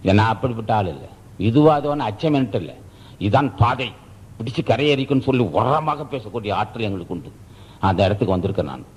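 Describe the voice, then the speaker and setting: A man's voice: medium pitch, animated, a little fast, a little mellow, husky. A man giving a sermon as a spiritual teacher, preaching emphatically, repeating key phrases and asking rhetorical questions. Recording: dull archival tape recording.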